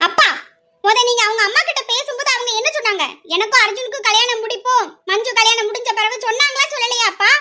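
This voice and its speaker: Casual: woman playing a fuming young daughter, indignant, very high bright voice. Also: fairly even intonation, quick pace, exaggerated voice. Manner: indignant, complaining. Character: angry young woman, the daughter, hot-tempered. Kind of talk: amateur audio drama acting.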